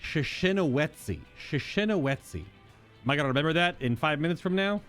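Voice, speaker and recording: A man's voice: fairly high pitch, very fast, fairly bright tone, clear, resonant tone, faint music behind. A man giving casual commentary as he plays through a game. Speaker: game streamer.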